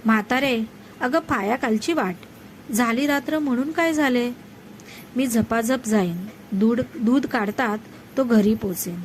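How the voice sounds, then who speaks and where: A woman's voice: on the high side, measured pace, slight background noise, natural voice, low-quality recording. A woman reading the lines of a bold landowner who brushes off warnings. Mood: dismissive. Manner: dismissive, then pleading. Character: bold, fearless landowner man.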